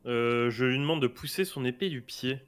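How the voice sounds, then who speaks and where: A man's voice: mid-range voice, moderate pace, smooth. A man taking part in a tabletop role-playing game with an ordinary mid-range voice. He talks casually and playfully. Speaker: player.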